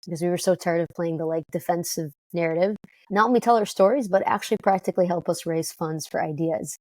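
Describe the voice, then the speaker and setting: A woman from Detroit, talking as an interview guest in an upbeat, quick way with many fillers and restarts. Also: fairly low pitch, a little mellow, no room sound. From Detroit, United States. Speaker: guest, company co-founder. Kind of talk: conversational interview.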